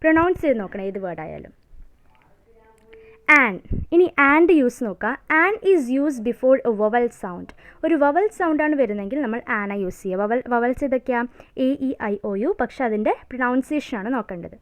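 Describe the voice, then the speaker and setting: A woman with a Malayali accent teaching English grammar, who asks her students questions and answers them herself and reads the English examples slowly. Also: fairly high pitch, expressive. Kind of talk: lesson explaining grammar to students. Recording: narrow phone-like sound.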